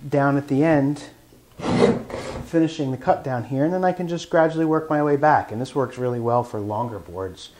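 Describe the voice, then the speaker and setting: In a mid-range, slightly mellow voice at a moderate pace, a man hosting a woodworking show gives a plain explanation while using hand tools in his shop. He talks as he works through a hands-on tool demo, with a little background noise present.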